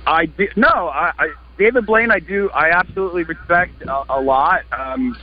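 A man's voice: on the high side, moderate pace. A man from Wisconsin, a magician being interviewed on a radio show, talking earnestly and enthusiastically and often restarting his sentences. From Wisconsin, United States. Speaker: magician guest. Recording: slightly muffled radio broadcast.

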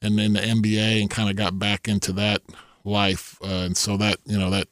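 A man's voice: fairly low pitch, monotone, fairly quick, a bit bright, no echo, clean studio sound. A middle-aged man telling golf stories in casual chat, rambling with many restarts, laughing often and acting out what others said.

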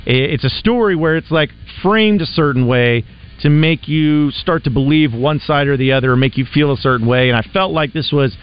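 A man's voice: on the high side, moderate pace, clear, resonant tone. A man hosting sports talk radio in a casual way, full of fillers. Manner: casual, filler-heavy talk with many "you know" and "uh". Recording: dry, slightly dull studio sound.

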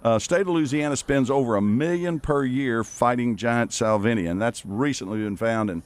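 Male radio co-host for casual outdoor chat; folksy, joking delivery, medium pitch. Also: normal speed.

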